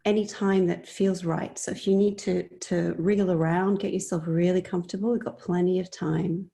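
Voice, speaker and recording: This guided meditation comes from a woman with a gentle, soothing, sometimes breathy voice that is pitched somewhat low and stays steady. She leaves long pauses after each phrase.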